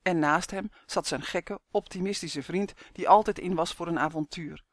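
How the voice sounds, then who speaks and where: Brief: calm storybook narrator, mid pitch, even and measured, dry close recording. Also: no echo. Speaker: audiobook narrator. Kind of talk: scripted audiobook narration.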